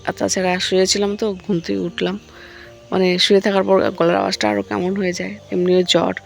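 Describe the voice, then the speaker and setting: Woman, hoarse, gravelly voice, casual home vlog, coaxing a young child. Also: medium pitch, flat delivery, fast, soft background music. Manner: chats to the viewers, then coaxes her young son. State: hoarse, worn-down voice. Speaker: vlogger and mother. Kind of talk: casual daily family vlog. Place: at home, partly outdoors on a foggy morning.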